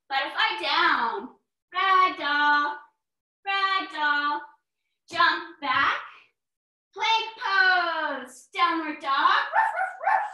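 A woman's voice: extremely high pitch, pushed and bright. A woman teaching a children's yoga class, calling out poses in an upbeat, encouraging, sing-song way. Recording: echoey room, voice from far off.

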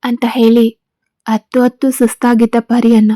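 Woman storyteller reading a serial aloud, mellow tone, somewhat high voice. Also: level tone, normal speed, no echo. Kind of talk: scripted narration of a serial story.

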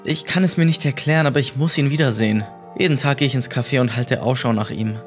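Man, horror story narration, scripted, middle pitch, faint music. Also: fast talker.

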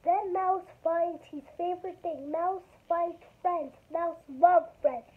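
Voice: extremely high pitch, fairly even intonation, slow. A young child presenting and reading a picture book aloud, with casual asides, recorded on a handheld device in a bedroom. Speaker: young video maker reading a storybook aloud. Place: small bedroom, indoors. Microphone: phone or tablet at arm's length. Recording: dull lo-fi device mic, background noise.

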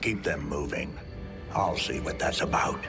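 Deep, growling gorilla villain. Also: male voice, unhurried, loud music behind the voice. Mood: menacing, imperious. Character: menacing, haughty giant talking gorilla villain. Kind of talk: cinematic video game acting.

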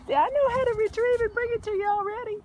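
A woman voicing a sweet, playful young female dog in a high, sing-song baby-talk voice. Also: fairly even intonation, fast, a little mellow, slight background noise.

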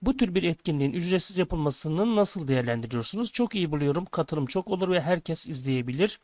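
A man's voice: a little high, animated, brisk, a little mellow, dry recording. Man teaching a Turkish lesson. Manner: addresses pupils as friends, reads questions aloud then answers. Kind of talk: textbook lesson walkthrough.

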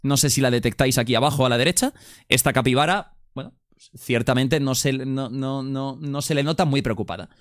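A young man with a Spain Spanish accent reacting live on a stream, excitable and slangy, repeating words in bursts. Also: mid-range voice, a little fast, no room sound, studio quality.

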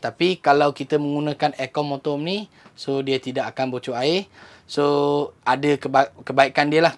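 A man in his thirties with a Malaysian Malay accent, casually walking through a motorhome and explaining its features, slipping English words into his speech. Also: medium pitch. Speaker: motorhome dealer giving a tour. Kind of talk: walkthrough tour vlog. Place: outdoors by a bus, then inside the motorhome. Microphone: lapel mic.

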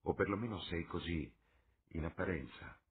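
A man's voice: deep voice, normal speed, close to an everyday voice. A man voicing an earnest, melancholy male painter for an audiobook, speaking in a subdued, pleading way. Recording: tinny lo-fi with faint hiss.

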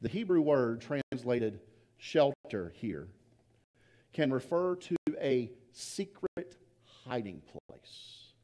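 A man preaching a sermon as pastor, telling stories and trailing off softly to drive his points home. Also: mid-range voice. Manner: storytelling, trailing off softly for emphasis.

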